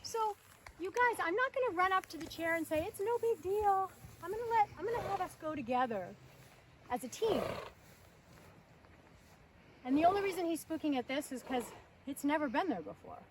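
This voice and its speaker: A woman's voice: very high voice, animated, fairly quick, long pauses, recorded from a distance, background noise. A woman horse trainer teaching outdoors with her horses and talking straight to her viewers in a chatty way. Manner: chatty, addresses viewers directly.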